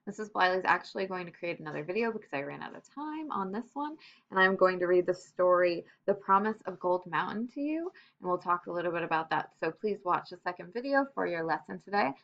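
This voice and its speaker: A woman teacher giving a recorded lesson to young children, upbeat, slowing down to stress example phrases. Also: fairly low pitch, lively intonation, vocal fry, a bit bright. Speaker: elementary school teacher. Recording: slightly dull computer-mic sound.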